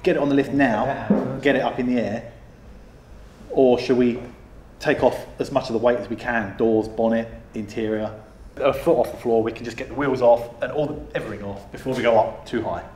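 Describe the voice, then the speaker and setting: A man's voice: mid-range voice, fairly even intonation, fairly quick, darkish tone, echoey room, faint music behind. A man chatting casually as he works on a car in a garage workshop, laughing often. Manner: jokey, laughs often while working. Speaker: channel host restoring a car.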